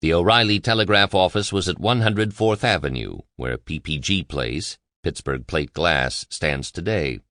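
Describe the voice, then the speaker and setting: Deep guy reading an audiobook, calm steady pace, dry close sound. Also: normal speed, few pauses, no echo. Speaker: audiobook narrator. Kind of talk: scripted audiobook narration.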